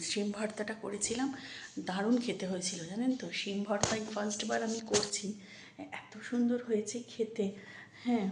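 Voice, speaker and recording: Hushed, gravelly-voiced woman vlogger. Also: medium pitch, echoey room, slight background noise. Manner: hushed, soft-spoken so as not to wake a sleeping child. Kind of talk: casual home vlog chat. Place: at home, indoors.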